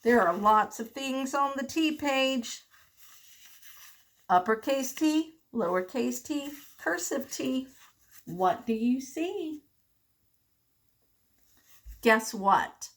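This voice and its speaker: A woman teaching preschoolers reads out the alphabet in a high-pitched, expressive voice. She keeps her phrases simple and deliberate, with a sing-song lilt and questions for the kids.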